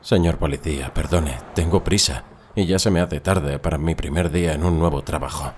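A very deep-voiced hurried driver. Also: male voice, darkish tone, a little hiss or hum. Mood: apologetic. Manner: apologetic and hurried. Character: hurried adult male driver, apologetic. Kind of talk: scripted dialogue for learners.

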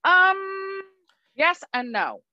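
A woman's voice: very high voice, sing-song, very slow, bright, forceful tone, no echo, faint music behind. Blunt, sweary middle-aged woman on dull audio. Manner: blunt and sweary, reading out a list. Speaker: podcast co-host. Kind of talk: casual chat.

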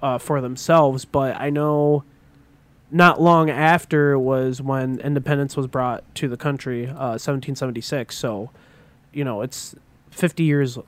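A man's voice: medium pitch, no room sound. A man chatting casually as a podcast co-host, rambling with lots of fillers and swearing. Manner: rambling, with many fillers and profanity. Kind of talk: casual chat.

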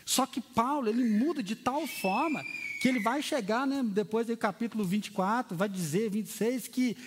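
A pastor, a man preaching a lively, storytelling sermon in a church hall. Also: very high voice, moderate pace, a little hiss or hum. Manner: lively storytelling preacher who acts out quotes. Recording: long hall reverb.

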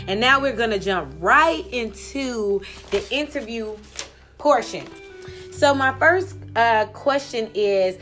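A woman hosting a podcast interview, telling a story in a chatty, casual way with lively asides. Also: fairly high pitch. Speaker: podcast host.

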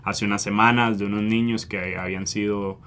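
Earnest Costa Rican man, lowish voice. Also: fairly even intonation, a little fast, a bit bright, slight background noise. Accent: Costa Rican Spanish. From Costa Rica. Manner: earnest, hesitant with frequent fillers. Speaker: environmental activist guest. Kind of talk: interview answers.

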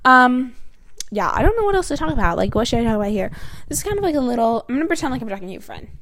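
Rambling with many fillers, a teen girl hosts her own casual podcast from her bedroom, speaking into a mic near her chin. She races along in a fairly high, slightly bright voice with big pitch swings.

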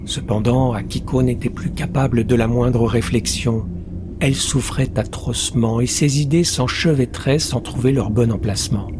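A man narrating an audiobook in a measured, literary way. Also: medium pitch. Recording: roomy long reverb, faint noise.

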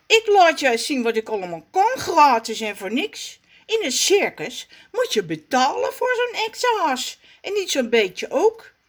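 A woman's voice: sits high, wildly swooping pitch, measured pace, pitched above the performer's own voice, full character voice. A woman doing a bragging, hot-headed storybook critter. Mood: boastful. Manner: bragging, loud and hot-tempered. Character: boastful excitable male animal with a snout.

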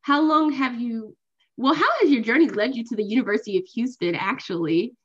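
A woman's voice: fairly high pitch, fairly quick, slightly rough, lo-fi sound. A young woman hosting a student podcast, bubbly and enthusiastic in an upbeat way. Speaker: podcast host.

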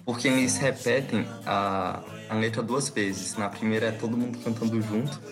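A man's voice: lowish voice, normal speed. Laid-back guy chatting music on a podcast, guitar playing behind. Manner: relaxed, chatty, slangy. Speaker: podcast co-host. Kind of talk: casual chat.

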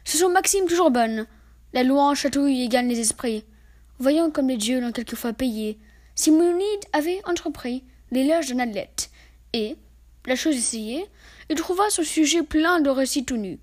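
A woman with a high voice recites verse fables aloud. Her reading is measured and expressive, shaping each line with care. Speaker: reader.

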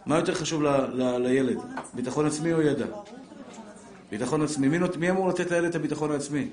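A middle-aged man leads a religious class before a live audience. His voice sits somewhat high, and he is lively and joking as he speaks straight to his listeners and acts out little family scenes. The recording carries the echo of the room. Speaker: Torah teacher. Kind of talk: live Torah lesson to an audience. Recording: echoey room.

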